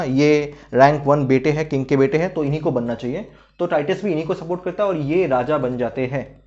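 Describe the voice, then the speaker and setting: A man with a slightly high voice talks through a story as a relaxed teacher. He keeps checking in with his listeners and restarts when a name slips. The recording sounds dull and lo-fi. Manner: chatty, frequent "hai na" and "theek hai" check-ins; hesitant restarts while recalling names. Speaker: literature teacher. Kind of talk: casual explanatory lesson.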